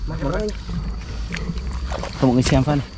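A young man, hosting an outdoor video and exclaiming loudly in amazement while digging in a field. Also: mid-range voice, expressive, fast, heavy background noise. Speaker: video host. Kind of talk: excited outdoor commentary. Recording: background music over field audio. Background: background music.

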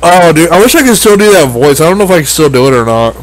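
A man's voice: a little high, big pitch swings, fast, a little hiss or hum. Crude young man bantering on a gaming stream. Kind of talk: casual gaming chat with friends.

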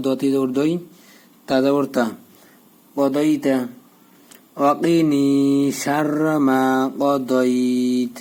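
A Quran recitation teacher with a mid-range, mellow, dark voice teaches an Arabic prayer, rattling off the spelling letter by letter and then chanting each joined phrase slowly. His intonation barely rises or falls, and his delivery is patient and methodical.

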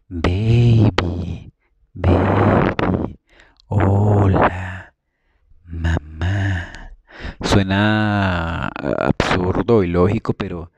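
A man with a somewhat low voice talks earnestly and casually to his viewers, rambling and restarting his words as he goes. The recording carries clear background noise throughout. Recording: noisy home recording.

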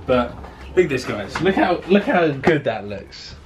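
Here a young adult with a British accent speaks a little slowly, his voice on the high side with big pitch swings. He's chatting casually as a car vlogger on a handheld camera about working on a car in a garage and driveway. The handheld audio is noisy, with crowd noise.

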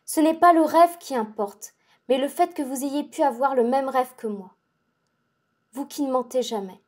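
A woman reading the part of a feverish, exalted young invalid girl, talking in an excitable, breathless and intense way. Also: high-pitched, moderate pace. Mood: pleading. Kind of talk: dramatic audiobook reading.

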